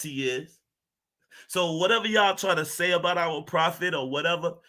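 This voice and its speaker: A man's voice: on the high side, pushed and bright. A man delivering an angry, profane monologue to his audience, confrontational and repeating his phrases for emphasis. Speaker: channel host.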